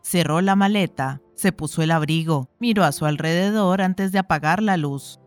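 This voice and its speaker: A woman narrating a short story for an audiobook in a measured, even reading. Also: on the low side, faint music behind.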